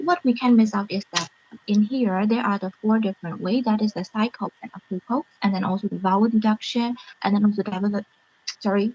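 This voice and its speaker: A woman's voice: mid-range voice, a little mellow, husky. Hesitant woman presenting over a dull call. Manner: hesitant, frequent self-corrections and fillers. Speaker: student presenter. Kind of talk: online class presentation. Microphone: video call.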